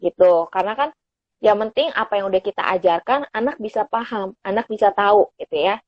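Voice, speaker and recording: A woman's voice: medium pitch, a little fast, dry recording. A woman psychologist patiently explaining parenting tips in a casual live chat, addressing the host by name. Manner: casual conversational speech with fillers. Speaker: child psychologist guest. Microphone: phone on an Instagram live stream. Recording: dull lo-fi stream audio.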